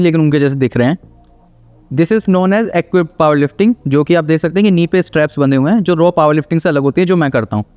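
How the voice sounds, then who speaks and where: Man, high-pitched voice, casual fitness commentary, explanatory and teasing, faint music underneath. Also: darkish tone, clear, resonant tone. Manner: explanatory, teasing, often adds "theek hai" as a tag. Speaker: fitness video reactor and host. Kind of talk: casual commentary reacting to gym clips.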